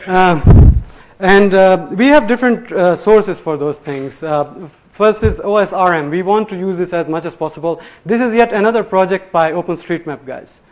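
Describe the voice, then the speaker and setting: A man with a fairly high voice gives a live technical talk in front of a room. His delivery is loose and conversational, full of fillers and restarts, and he chuckles at his own slips. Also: normal speed, a little mellow. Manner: loose and chatty, many fillers and restarts, laughs at himself. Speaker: conference presenter. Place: lecture room before an audience.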